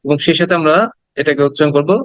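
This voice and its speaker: A man's voice: fairly high pitch, steady tone, no echo, low-quality recording. Man drilling words, asking you to repeat. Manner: drills words slowly, asks listener to repeat. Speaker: pronunciation teacher. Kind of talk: spoken English pronunciation lesson.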